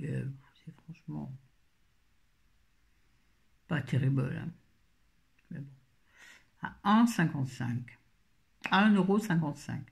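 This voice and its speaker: A vlogger in her fifties, whose voice sits low with vocal fry and a slight mellowness, chats casually through a grocery haul. She rambles and drops self-mocking asides along the way.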